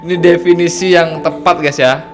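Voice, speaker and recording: A man's voice: a little high, fairly even intonation, normal speed, soft background music. A man hosting a reaction video, making chatty, amused asides to his viewers. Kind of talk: casual reaction commentary.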